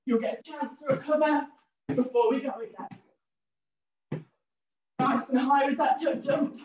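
A high-voiced woman coaches a cardio workout, calling out encouraging cues and countdowns. She is out of breath from exercising along. The sound is roomy and heard from a little way off the mic, slightly dull. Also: steady tone, a little slow, darkish tone, a little hiss or hum. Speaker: fitness instructor. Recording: roomy, distant and a bit dull.

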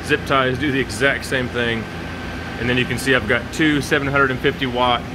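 A man talks through his garage build in a relaxed, unscripted way, filling pauses with ums and uhs. His voice sits at an ordinary middle pitch. It sounds like a home DIY video recorded on the spot. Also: background noise. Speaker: DIY vlogger. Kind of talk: casual walkthrough narration.

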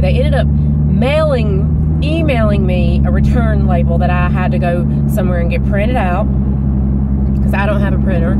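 A woman's voice: mid-range voice, distant mic. A middle-aged woman, chatting emphatically to her viewers while she drives. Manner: chatty, emphatic, repeats words for stress. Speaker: vlogger. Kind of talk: casual car vlog chat. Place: inside a moving car. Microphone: dashboard phone camera. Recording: loud road noise, camera set back. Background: road and engine noise.

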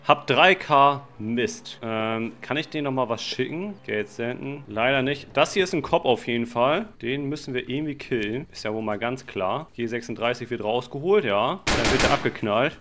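Excitable bright-voiced man commentating a game. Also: medium pitch, normal speed, few pauses, a little hiss or hum. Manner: excited running commentary with youth slang and shouted outbursts; addresses viewers as friends. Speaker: gaming channel host. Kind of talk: Let's Play commentary.

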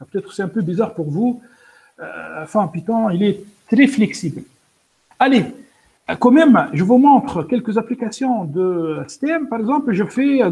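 Slow, hesitant high-voiced man teaching code. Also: warm tone. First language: French-speaking, pronounces English words poorly. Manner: hesitant, many fillers and restarts; explains step by step, addresses students directly. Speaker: programming instructor. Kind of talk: live coding lesson.

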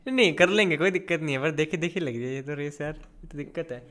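A man's voice: a little high, fast. Joking man bantering mid-race. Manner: joking, teasing, excitable outbursts. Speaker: streamer. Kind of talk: casual gaming banter.

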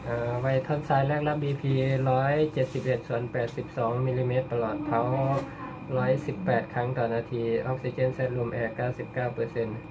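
Clear background noise surrounds a man with a medium-pitched voice. He works as a rescue dispatcher on the radio, reading coded messages back procedurally. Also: flat delivery, fast talker.

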